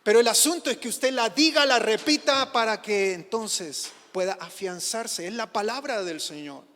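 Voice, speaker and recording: A man preaching from the pulpit with a high, bright voice, stacking up repeated phrases and pushing them to loud exclamations. The sermon carries the long reverb of a church hall. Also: moderate pace. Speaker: pastor. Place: church sanctuary.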